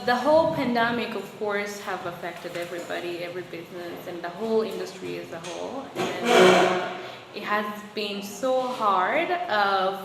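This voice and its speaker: A young woman from Rwanda talks through her answers in an interview, mid-pitched and thoughtful, often pausing on fillers and starting over. She sounds like she is in a hard, reverberant room with a long tail on her voice. Steady background noise sits clearly behind her. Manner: thoughtful, with many fillers and restarts. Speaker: guest, coffee quality controller and roaster.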